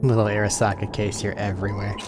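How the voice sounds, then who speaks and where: Fast-talking man commenting over a game. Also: lowish voice, flat delivery, over music. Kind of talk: casual gameplay commentary.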